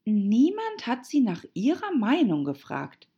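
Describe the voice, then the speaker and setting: A woman's voice: fairly high pitch, huge pitch swings, measured pace, dark tone, breathy edge, dull audio, pitched above the performer's own voice, heavily acted. A woman voicing a curious, polite young girl with an earnest, questioning way of speaking. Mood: irritated. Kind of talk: audiobook character voice.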